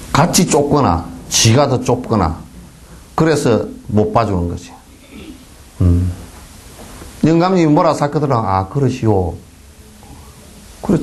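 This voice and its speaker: In a temple hall, a Buddhist monk speaking with a Gyeongsang Korean accent delivers a folksy dharma talk rich in rhetorical questions and imitated flattery. His voice is medium-pitched, with slight background noise.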